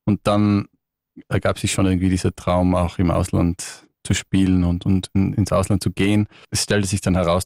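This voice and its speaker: Ein Mann in seinen Dreißigern aus Tirol mit österreichischem Akzent, der als Gast im Radiostudio nachdenklich und mit häufigen Neuansätzen erzählt. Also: male voice, sits low, gravelly, a little mellow, dry recording, studio quality. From Tyrol, Austria. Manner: thoughtful, with frequent restarts. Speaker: guest musician. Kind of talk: relaxed radio interview. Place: radio studio.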